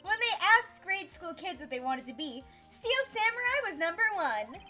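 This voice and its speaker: A woman voicing an excitable seventeen-year-old girl in a live fan dub of a game. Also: extremely high pitch, normal speed, soft background music, exaggerated voice. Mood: teasing. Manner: loud, excited, playful exclaiming.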